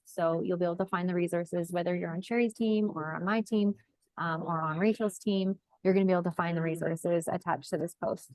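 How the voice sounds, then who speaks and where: Low-voiced woman explaining plainly. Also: a little mellow, dry recording, poor audio. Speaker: class host. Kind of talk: casual online class.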